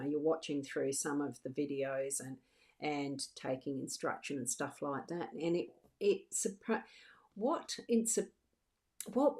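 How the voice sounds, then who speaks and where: Casting note: woman, middle-aged, psychic medium on a livestream; chatty, reassuring, slightly low register. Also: darkish tone. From Australia. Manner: chatty and reassuring, with frequent restarts. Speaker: psychic medium doing live card readings. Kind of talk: casual livestream chat.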